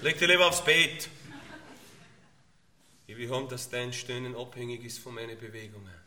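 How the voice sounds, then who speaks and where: A man with an Austrian accent delivering a comic rant, grumbling and swearing, dropping to mutters and bursting into shouts. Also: medium pitch, normal speed. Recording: distant mic with loud background noise.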